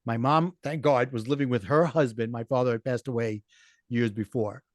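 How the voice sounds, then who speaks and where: A man's voice: mid-range voice, fairly even intonation, moderate pace, no room sound, studio quality. A middle-aged man with a Brooklyn accent, speaking as an interview guest in an earnest, explanatory way. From Brooklyn, New York. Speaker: podcast guest, life coach and author. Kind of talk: conversational interview, personal storytelling.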